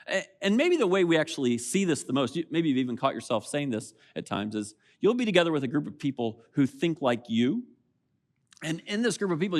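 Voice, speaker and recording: A man preaching a sermon as pastor, conversational and animated, acting out little quotes from everyday people. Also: high-pitched. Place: church auditorium.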